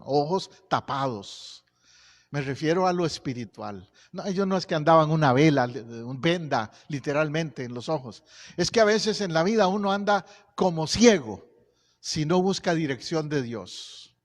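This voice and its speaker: A man's voice: high-pitched, in a large hall. A male pastor preaching a conversational sermon, often asking the congregation questions. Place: church sanctuary.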